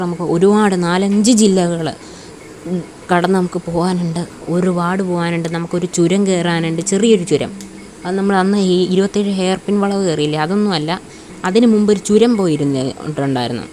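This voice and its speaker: Mixing Malayalam and English words, a Malayali-accented woman hosting a gaming channel chats casually over gameplay and addresses viewers as her buddies. She has a warm, lowish voice, and there is slight background noise.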